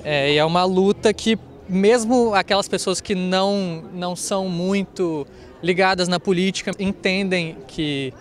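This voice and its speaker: A man's voice: high voice, unhurried. Thoughtful man at a street protest. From Vitória, Brazil. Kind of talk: street interview. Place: outdoor city street protest.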